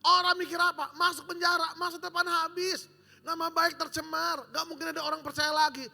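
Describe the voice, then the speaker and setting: A man preaching with a very high, sharp and bright voice, swinging between jokes and loud appeals. His sermon rings through a large hotel auditorium with a long hall echo. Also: brisk, creaky. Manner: animated, joking storyteller, shouting at times. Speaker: pastor.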